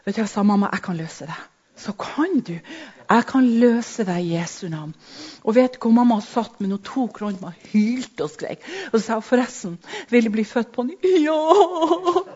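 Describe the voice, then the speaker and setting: A woman's voice: medium pitch, husky. Woman preaching, swinging to whispers. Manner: preaching with emphatic rises and hushed whispers. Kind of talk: sermon. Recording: dull lo-fi recording.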